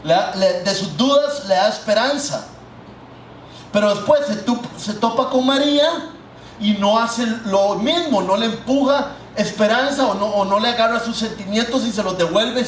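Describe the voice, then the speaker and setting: A man's voice: high-pitched, moderate pace, distant mic, slight background noise. A man, preaching a sermon and talking directly to the congregation. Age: 30s. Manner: conversational, addresses the congregation directly. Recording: echoey hall, mic set back.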